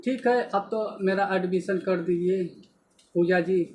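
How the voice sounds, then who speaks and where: A man's voice: high voice, unhurried, slight background noise. A man playing a humble widowed father. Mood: humble, remorseful. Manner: humble, pleading storytelling voice.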